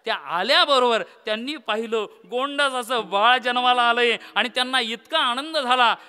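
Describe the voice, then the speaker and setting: A man's voice: very high voice, normal speed, pushed and bright, clean tone. A man preaching a comic devotional kirtan sermon, telling the story theatrically, quizzing the audience and breaking into song. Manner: asks the audience questions.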